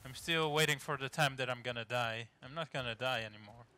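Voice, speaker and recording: This non-native English speaker plays through a game with casual commentary, cursing often and tripping over text he reads out, while game music runs underneath. He speaks in a mid-range voice, fairly quick, with a sharp tone.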